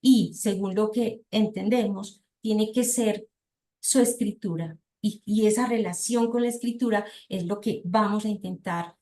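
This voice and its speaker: A woman's voice: mid-range voice, a little slow, warm tone. Colombian woman lecturing, reading aloud. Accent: Colombian Spanish. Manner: diminutives, frequent checking questions. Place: lecture or seminar room.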